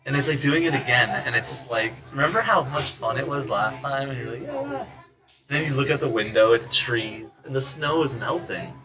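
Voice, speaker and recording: A man's voice: mid-range voice, fairly quick, few pauses, music in the background. A man hosting a casual rambling monologue, swearing and laughing to himself as he wanders between thoughts. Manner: rambling, profane, laughing asides. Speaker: host.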